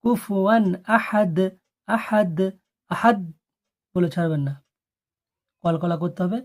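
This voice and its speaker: A man with a Bangladeshi accent teaching Quran recitation, chanting each verse slowly and drawn out, then explaining pronunciation quickly and softly. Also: high voice.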